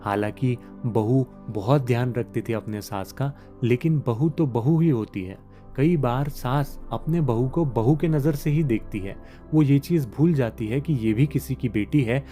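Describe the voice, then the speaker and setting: A man's voice: medium pitch, mellow. A man telling a devotional moral story in an earnest, moralizing manner.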